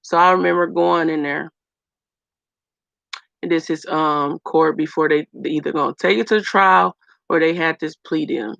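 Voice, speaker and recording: A woman with a gravelly, creaky edge, telling a personal story earnestly to her viewers. She talks straight to the camera, rushing ahead in bursts. The sound is dry and slightly dull, like a lo-fi home recording. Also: sits low, steady tone, a bit bright, no echo.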